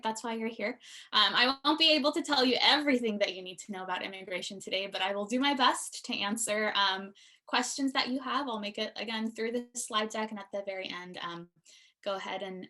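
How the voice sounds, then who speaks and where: A woman's voice: a little high, sharp tone. A woman immigration attorney presenting a webinar in an earnest, friendly way, with frequent "um" fillers. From born in Iraq, raised in the United States.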